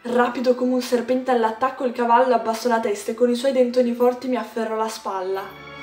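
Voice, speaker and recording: A woman's voice: on the high side, level tone, brisk, a little mellow. Teen girl reading a book aloud, kinda far from the mic, echoey, faint music. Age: teens. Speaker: student reader. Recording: distant, roomy echo with faint music.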